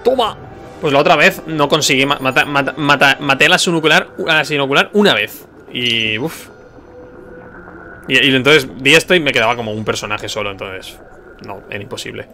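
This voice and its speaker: Spanish guy from spain doing lets play commentary, excitable, bright punchy voice. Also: mid-range voice, a little fast, faint music behind. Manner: excitable, animated exclamations. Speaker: let's play streamer. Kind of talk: casual gameplay commentary.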